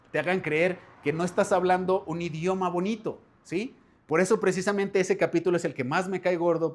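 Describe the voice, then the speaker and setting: A man with a Mexican accent, a language teacher chatting casually about a book to his viewers, animated and slangy, with frequent rhetorical questions. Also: on the high side. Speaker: language teacher and bookshop channel host. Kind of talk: casual book review to camera.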